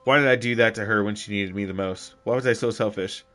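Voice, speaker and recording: A young man playing a game on stream, reading the dialogue aloud and chatting with viewers in a loud, rambling, jokey way. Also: fairly low pitch, quick pace. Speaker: let's play streamer. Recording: game music underneath.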